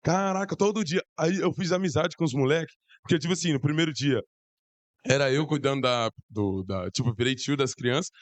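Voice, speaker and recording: A hoarse young man with a Brazilian Portuguese accent, telling a church testimony in an excited, slangy way. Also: fairly high pitch, fairly quick, dry recording. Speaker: church youth member giving testimony. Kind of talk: casual testimony to a congregation.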